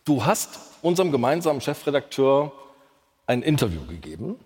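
A man's voice: medium pitch, sing-song, moderate pace, darkish tone. Dry-humored man in a reverberant hall. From Lower Saxony, Germany. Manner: dry, playful, announcer-like. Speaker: podcast co-host. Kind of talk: live podcast stage chat. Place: large concert hall before an audience. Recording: hall reverb with faint noise.

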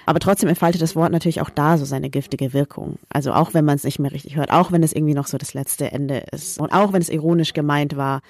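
A woman's voice: low voice, steady tone, fast talker, few pauses, a little mellow, no room sound. Frank woman podcast co-host, dry mic. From Berlin. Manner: frank, apologetic, thinking aloud. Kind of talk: casual podcast talk.

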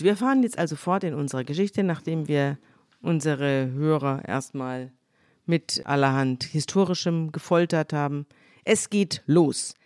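An older woman with a deep voice co-hosts a podcast, retelling a Bible story in lively conversation and voicing the quoted lines herself. The studio sound is clean, with no echo.

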